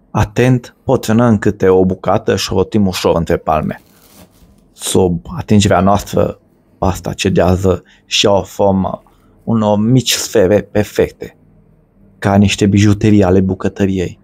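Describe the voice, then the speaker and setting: A man giving a measured, ornate, scripted voice-over for a cooking video. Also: lowish voice, a little mellow. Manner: measured, ornate storytelling delivery. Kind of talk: scripted poetic voice-over narration.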